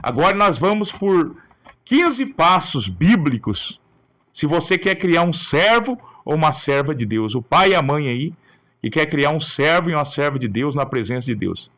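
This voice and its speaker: A male pastor delivers a sermon in short bursts, his voice sitting a little higher than most men's. He speaks earnestly and admonishes his listeners, tagging many phrases with a question to draw them in. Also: very animated, normal speed, a bit bright. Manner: talks in short phrases, often adding a questioning tag. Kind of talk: sermon on raising children.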